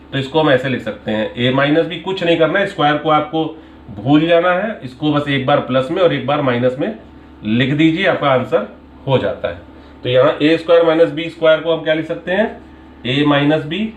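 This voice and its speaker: A man teaching maths, working through a problem step by step with a patient manner. His voice sits a little high. The room around him rings with echo. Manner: patient step-by-step explaining, mixing English terms. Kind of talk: Hindi-English maths lesson explaining a paper. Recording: echoey room sound.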